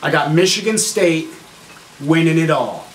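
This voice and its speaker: A roomy recording, a little off-mic, of a man playing an oddball parody sports co-anchor. His voice sits fairly high and he stays earnest and deadpan. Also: unhurried. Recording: echoey, distant mic, faint noise.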